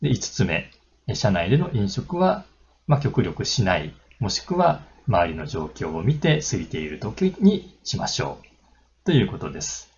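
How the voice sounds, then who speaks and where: A deep-voiced man talks through travel tips in a relaxed, chatty way, and his pitch rises and falls a lot. He pads his talk with fillers and friendly asides. The recording is slightly muffled, with faint ambience behind him. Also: unhurried, slight background noise. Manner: chatty, many fillers and tag particles. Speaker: railway travel channel host. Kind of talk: casual explanatory talk.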